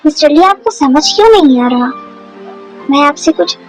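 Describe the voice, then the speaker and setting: A woman's voice: high voice, animated, normal speed, faint music behind, low-quality recording. A woman voicing a hot-tempered young mafia boss who scolds sharply, in a Hindi dubbed fan story. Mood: angry.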